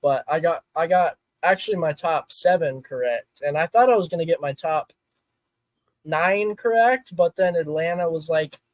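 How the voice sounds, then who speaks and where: A man's voice: on the high side, animated, moderate pace, no room sound. A man co-hosting a casual sports podcast, laid-back, often restarting his phrases. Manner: laid-back, stammers on restarts, says bro. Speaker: podcast co-host.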